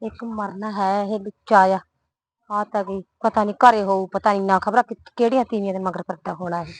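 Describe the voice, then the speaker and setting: A woman playing a fretful, sharp-tongued village woman with a Punjabi accent, who scolds, calls out loudly and frets about gossip. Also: mid-range voice, fairly even intonation, brisk, close to an everyday voice. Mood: worried muttering. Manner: scolding, anxious about gossip, loud when calling. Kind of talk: comic short-film acting.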